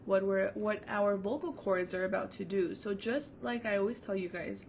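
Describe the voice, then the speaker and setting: A woman's voice: medium pitch, moderate pace, gravelly, a little mellow, slight background noise. Upbeat woman teaching a kids' music lesson. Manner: upbeat, encouraging, many fillers. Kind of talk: recorded online music lesson for children. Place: seated at home before her own camera. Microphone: camera mic.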